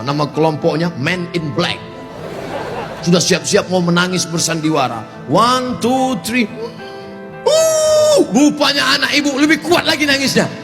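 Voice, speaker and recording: A man preaching a humorous Islamic sermon to a gathering, mixing jokes and quick mimicked voices and calling out questions to the crowd. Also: a little high. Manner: joking, mimics people in quick voices, calls out to audience.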